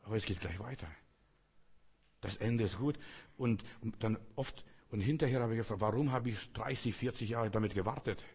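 This preacher's voice is fairly low and darkish with a breathy edge, moving at a moderate pace. He drives his sermon home emphatically, using repetition and rhetorical questions aimed right at the audience.

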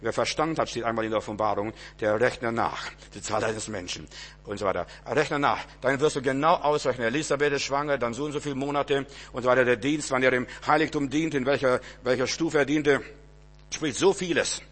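A man preaching a sermon, emphatic and repetitive, asking rhetorical questions and swinging between loud proclamation and low, quiet passages. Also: brisk.

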